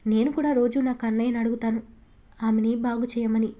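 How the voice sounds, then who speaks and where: A woman's voice: fairly high pitch, fairly even intonation, a little fast, muffled recording, natural voice. A woman voicing an emotional young woman in an audiobook story, speaking in a pleading, heartfelt way.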